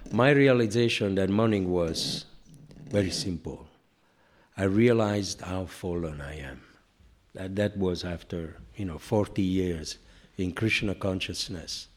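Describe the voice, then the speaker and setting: An older man with a deep, low voice teaches a relaxed spiritual class. He wanders through stories, filling his talk with "you know" and chuckling at his own self-mocking jokes. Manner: rambling, anecdotal, many "you know" asides; self-deprecating humor, laughs at own jokes. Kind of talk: informal scripture class sermon.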